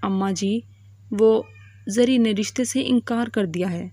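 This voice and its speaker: A woman reading as a worried gentle mother. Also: medium pitch, dry recording, clean studio sound, lightly acted. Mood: anxious. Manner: pleading, soft. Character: worried middle-aged mother, gentle but fearful.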